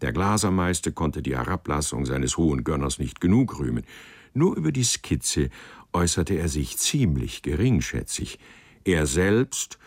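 A man reading a literary story aloud in a measured, expressive manner. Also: deep voice, no echo. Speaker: narrator. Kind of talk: audiobook narration of a literary story.

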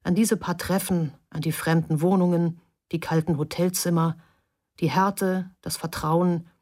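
A woman narrates a novel aloud in a calm, inward way. Her voice is husky and sits a little low. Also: measured pace. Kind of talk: audiobook narration.

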